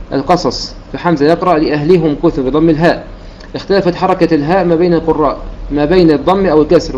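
A man's voice: on the high side, dark tone, lo-fi sound, slight background noise. A man teaching a religious lesson on Quran recitation rules, explaining step by step and breaking into recited verses.

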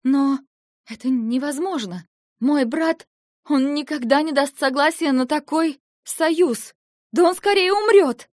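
A young heroine speaks in an emotional, pleading voice, as an audiobook narrator gives her lines. The pitch sits in a middle range. The recording is dry and close, with no room sound. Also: steady tone, moderate pace, no echo, close to an everyday voice. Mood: shocked. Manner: emotional, pleading, rising to shouts. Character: young woman heroine, frightened and defiant. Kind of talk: audiobook dialogue.

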